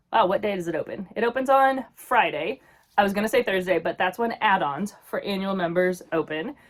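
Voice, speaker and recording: A woman in her thirties from New York, chatting casually about her picks with a nasal, stuffy voice from a head cold. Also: mid-range voice. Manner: chatty, rambling with many likes. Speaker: YouTube vlogger. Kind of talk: casual chat.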